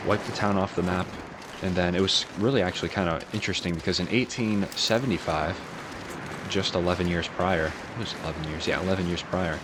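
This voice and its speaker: A man with a low, just-woken morning voice narrates a video game playthrough. He is calm and unhurried, musing aloud as he goes. Clear ambient noise runs behind him. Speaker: gaming channel host.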